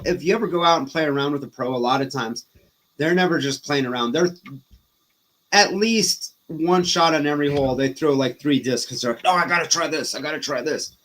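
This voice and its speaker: Man, forties, slightly high voice, casual chat, animated storytelling, self-deprecating. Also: a little fast. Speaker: podcast guest, disc golfer.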